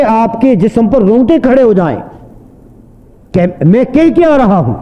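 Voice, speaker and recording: A man, a mufti, preaching earnestly to an audience, asking repeated rhetorical questions. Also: sits high. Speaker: mufti giving a talk. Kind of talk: sermon. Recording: dull lo-fi sound with long hall reverb.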